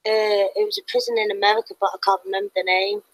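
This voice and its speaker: A woman's voice: medium pitch, flat delivery, fast talker, dry recording, poor audio. A woman co-hosting a casual stream chat, giggly and rambling. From Britain. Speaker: co-host.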